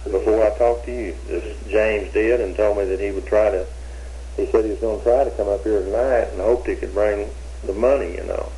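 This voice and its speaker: A man's voice: fairly low pitch, steady tone, a little fast, warm tone, a little hiss or hum, low-quality recording. An older man being questioned, talking in a hesitant, rambling way with many restarts, heard on an old interrogation tape recording.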